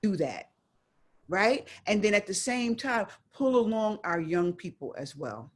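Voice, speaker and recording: A woman speaking on a community video call, halting and full of fillers, reading numbers out slowly and deliberately. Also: mid-range voice, very animated. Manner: slow, halting, with many fillers and restarts. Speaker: panelist.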